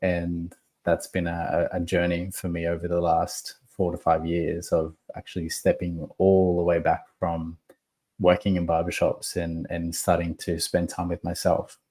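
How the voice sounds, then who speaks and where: A man being interviewed as a podcast guest, talking slowly and reflectively with many pauses. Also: low voice, monotone, warm tone. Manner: slow, measured, thoughtful with pauses.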